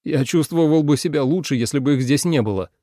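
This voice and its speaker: A man's voice: mid-range voice, big pitch swings, normal speed, creaky, warm tone, no room sound, clean studio sound. A man voicing a curt, mocking young nobleman. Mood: cold. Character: proud young man, sharp-tongued and defiant.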